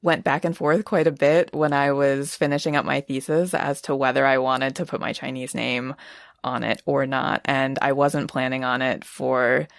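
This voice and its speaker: Young American woman guest, reflective and measured, gravelly edge. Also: very deep voice, steady tone, no room sound, clean studio sound. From United States, Vermont. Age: young adult. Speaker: podcast guest. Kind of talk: thoughtful interview answers.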